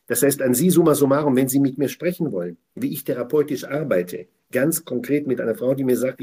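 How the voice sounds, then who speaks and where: As a guest on a weekly Torah portion show, a man with a mid-range, dark, slightly rough voice talks effusively and conversationally. He is emphatic and digressive, frequently repeating his phrases.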